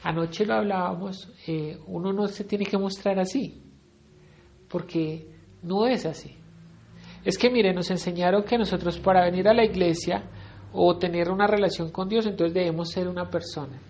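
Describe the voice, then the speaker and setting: A man's voice: high voice, fairly even intonation, normal speed, vocal fry, a little mellow, a little hiss or hum. A middle-aged man with a Colombian accent teaching a Bible study sermon in a conversational way, often asking his listeners questions. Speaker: preacher.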